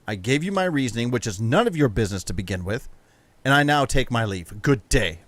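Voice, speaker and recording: A man's voice: mid-range voice, lively intonation, a little fast, a bit bright, no room sound, natural voice. A man voicing an indignant, stuffy servant with a formal, protesting manner in a tabletop game. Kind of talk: tabletop role-play.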